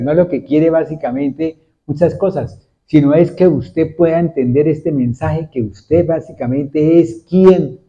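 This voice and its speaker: A male pastor preaching a sermon to a congregation, repeatedly asking them questions in a steady, repetitive cadence. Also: a little high. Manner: asks the congregation frequent questions. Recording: dull lo-fi recording. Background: seated congregation.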